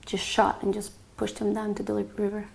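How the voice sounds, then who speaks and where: A young woman from Bosnia recounts her own story in a quiet, reflective way, pausing often on small fillers. Her mid-range voice carries a gravelly fry at the ends of phrases. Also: mid-range voice, monotone. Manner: reflective, soft-spoken, with frequent fillers. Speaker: interviewee. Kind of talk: personal testimony.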